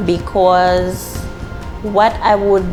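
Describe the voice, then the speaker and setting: Woman lab technologist, calm explainer, music playing. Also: mid-range voice, very slow. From Zambia. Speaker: laboratory technologist. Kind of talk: interview testimonial. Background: background music.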